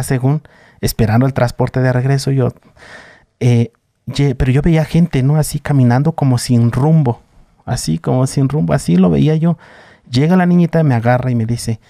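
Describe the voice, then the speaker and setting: Mexican man telling a story, dark voice. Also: medium pitch, no room sound, studio quality. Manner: animated retelling with slang and voices for others. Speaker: guest. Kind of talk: casual storytelling.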